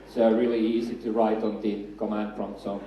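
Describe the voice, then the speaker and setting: A lowish, level voice comes fairly quickly over a noisy background. The speaker is a man in his thirties from Finland, a native Finnish speaker with a Finnish accent, giving a chatty, self-deprecating talk at a conference, standing on a stage in a large hall with a handheld mic. It's recorded far from the mic in an echoey hall.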